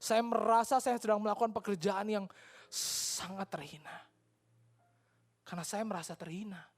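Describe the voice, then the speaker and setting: A woman with an Indonesian accent giving an earnest personal testimony in church, switching between Indonesian and English and sinking into soft near-whispers. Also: mid-range voice, steady tone, normal speed.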